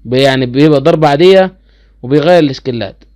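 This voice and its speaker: Fast-talking Egyptian man explaining a game. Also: a little high, a little mellow. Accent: Egyptian Arabic. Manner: chatty, addresses viewers directly, easily incredulous. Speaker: gaming channel host. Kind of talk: casual game commentary explaining skills.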